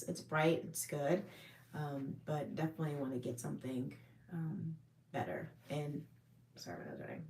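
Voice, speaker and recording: A woman's voice: low voice, echoey room. A woman hosting a casual livestream, chatting with viewers in a friendly, rambling way. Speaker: livestream host. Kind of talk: casual live chat answering viewers.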